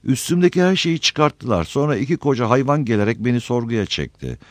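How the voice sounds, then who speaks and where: A gentle, worn-out hobbit speaks in a tired, soft way, lifted higher than the reader's own voice, as a man reads him out. The sound is dry and close to the mic. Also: sing-song, fairly quick, no echo, close to an everyday voice. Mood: weary. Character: weary wounded male hobbit, gentle. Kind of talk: audiobook reading.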